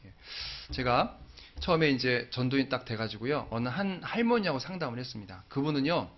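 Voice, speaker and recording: A man's voice: mid-range voice, fairly quick. A male pastor preaching a sermon, telling stories and acting out the dialogue. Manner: animated storytelling, acting out dialogue. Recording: dull lo-fi recording.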